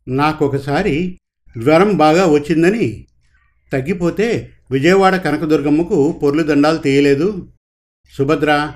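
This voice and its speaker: A man's voice: fairly high pitch, natural voice. A man voicing a timid, affectionate middle-aged husband who speaks meekly. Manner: meek, pleading.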